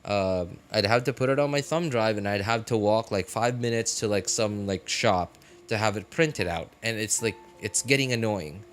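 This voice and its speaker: This thirty-something livestreamer has a lowish voice and chats in a loose, rambling way while video game music and character lines sound in the background. As he looks back on things, he stalls, hesitates and repeats himself often.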